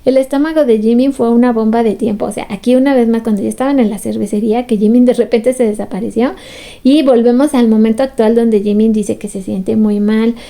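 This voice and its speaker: A woman's voice: on the high side, steady tone, fairly quick, gravelly, warm tone. A woman, casually recapping a show in a chatty, sympathetic way. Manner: chatty, sympathetic, often laughing. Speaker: fan recap commentator.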